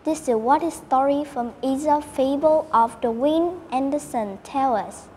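High-voiced cheerful woman co-host. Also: measured pace, a little mellow, in a large hall, slight background noise. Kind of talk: scripted show hosting.

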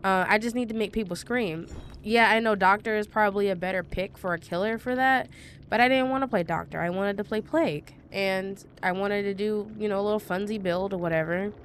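Talking fairly quickly, a young female gaming vlogger walks through a game match, her storytelling chatty, filler-heavy, and sprinkled with sarcasm. Her voice is mid-range, and there's slight background noise.

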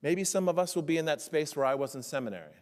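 Male pastor preaching, slightly high voice, emphatic questions, slows on key lines, long church echo. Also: animated, darkish tone. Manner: asks the congregation many rhetorical questions; slows down to stress key phrases. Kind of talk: sermon. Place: church sanctuary.

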